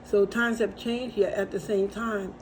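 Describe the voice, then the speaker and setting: A woman's voice: medium pitch, flat delivery, a little slow, slight background noise, rough recording. A middle-aged woman hosting a casual faith-based encouragement talk, speaking conversationally with repetitions and storytelling asides. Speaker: host and encourager.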